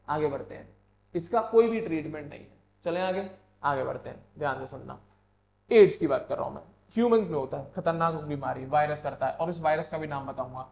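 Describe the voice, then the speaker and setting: A man's voice: on the high side, darkish tone. A man teaching a biology exam-prep class in Hindi with English terms, asking questions and repeating the answers back to students. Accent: Hindi-English code-switching. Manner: reads English textbook lines slowly, then explains in Hindi. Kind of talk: online exam-prep lecture. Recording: echoey lo-fi room with faint hum.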